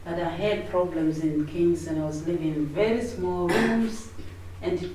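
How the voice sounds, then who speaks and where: A woman from Zimbabwe explains things in a measured, steady way in an interview. Her voice is warm and dark. She sounds distant in a very echoey room. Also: fairly low pitch. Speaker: cooperative resident. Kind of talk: interview, recounting. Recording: echoey room from far off, faint noise.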